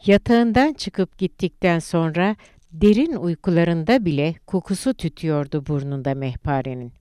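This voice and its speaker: A woman reading a literary novel aloud in a measured, deliberate audiobook narration. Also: fairly low pitch, warm tone, clear, resonant tone, no room sound, studio quality.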